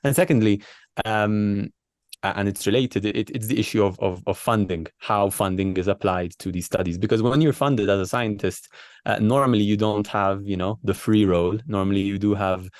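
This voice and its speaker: A man speaking as an interviewed doctor, explaining in a conversational way with halting, repetitive phrasing. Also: on the low side, steady tone, dry recording, studio quality. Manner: halting, hesitant phrasing with repeated words. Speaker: doctor and researcher being interviewed.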